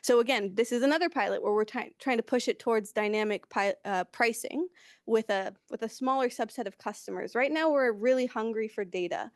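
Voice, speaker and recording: Female presenter for an informal conference talk, fairly high voice, very little room sound. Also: no echo, studio quality.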